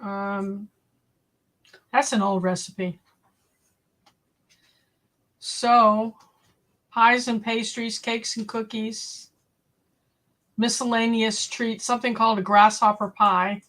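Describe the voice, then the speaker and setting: A woman's voice: a little high, steady tone, takes it slowly, long pauses, fairly bright tone. A woman from New England hosting a casual live stream, chatting with viewers and reading recipe lists aloud from an old cookbook. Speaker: homestead channel host.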